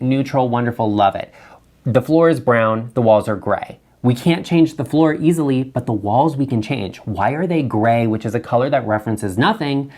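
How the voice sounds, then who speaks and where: A man's voice: mid-range voice, darkish tone. Man, interior designer host, casual design commentary, chatty, opinionated, frank.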